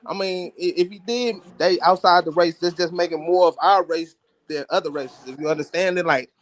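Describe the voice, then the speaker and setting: High-voiced, slangy man on a panel. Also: brisk. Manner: slangy, laid-back, keeps saying "you know what I'm saying". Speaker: panel guest. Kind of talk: casual panel discussion.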